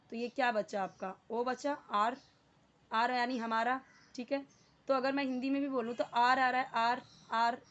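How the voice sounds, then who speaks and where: High-voiced woman teacher, lo-fi sound. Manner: patient, repeats words and asks the viewer questions. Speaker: English teacher. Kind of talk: explaining grammar step by step. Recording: dull lo-fi sound.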